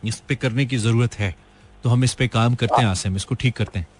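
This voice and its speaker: A man's voice: medium pitch, a little fast, slightly rough. A man from Pakistan with a Pakistani Urdu accent, hosting a call-in radio show in a joking, teasing way and mixing in English phrases. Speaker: radio host.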